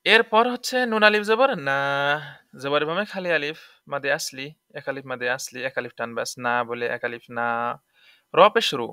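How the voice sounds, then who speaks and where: A man's voice: medium pitch, pushed and bright, clear, resonant tone, dry recording, clean studio sound. A man teaching tajweed. He spells words out letter by letter, stretches the vowels when he recites, and keeps asking the listener questions.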